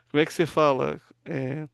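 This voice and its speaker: A pastor teaching an online Hebrew class, patiently walking students through word forms and asking them to read aloud. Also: male voice, on the high side, vocal fry, a bit bright, clear, resonant tone, dry recording, clean studio sound. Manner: patient, explains step by step, asks students to read.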